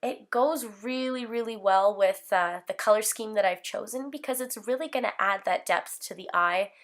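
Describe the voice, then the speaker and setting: Hoarse from a slight cold, a beauty vlogger in her twenties chats through a makeup tutorial at her bedroom filming setup. She keeps a medium pitch and moderate pace, staying upbeat and casual as she rambles with lots of fillers.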